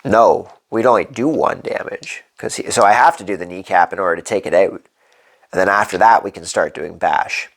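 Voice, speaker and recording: A board game channel host with a low voice and congested sound plays a solo game at normal speed. He thinks aloud as he works through the rules and dice rolls.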